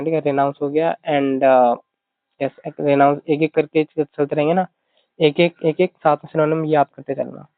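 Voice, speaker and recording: A man with a slightly high voice teaches an exam-prep vocabulary lesson, often repeating himself, saying "theek hai" again and again, and using mnemonics to explain words. The audio is thin, dry, and phone-like, with no room sound.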